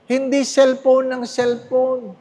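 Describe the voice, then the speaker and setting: High-voiced Filipino priest preaching slowly. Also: male voice, monotone, warm tone, husky. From Philippines. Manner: conversational preaching with tag questions to the congregation; slow, emphatic, repeating key phrases. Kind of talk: sermon. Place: large church with long reverb. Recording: echoey church hall.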